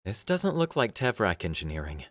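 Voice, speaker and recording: A man voicing a sharp, brisk female starship captain in an audiobook story. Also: on the low side, sing-song, dry recording, pitched above the performer's own voice. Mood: tense.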